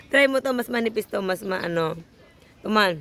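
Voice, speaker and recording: Filipino woman, lively pitch, teasing and coaxing. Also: a little hiss or hum. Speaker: parent filming a child's taste challenge. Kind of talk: casual home chat mixing Tagalog and English.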